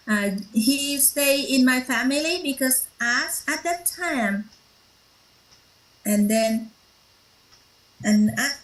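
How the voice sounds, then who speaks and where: A woman whose first language is Vietnamese shares a personal story at a workshop, halting often with fillers and restarts. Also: on the high side, fairly bright tone, roomy sound, low-quality recording. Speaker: workshop participant.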